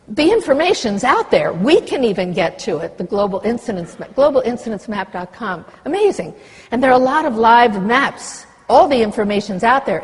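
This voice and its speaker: An older woman at a conference lectern, speaking with passion and breaking off from the text she reads for sharp asides. Her voice is husky and a little breathy, and the long reverb of a big hall trails after every phrase. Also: fairly high pitch. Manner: impassioned, reads treaty text aloud with asides. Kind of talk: conference speech.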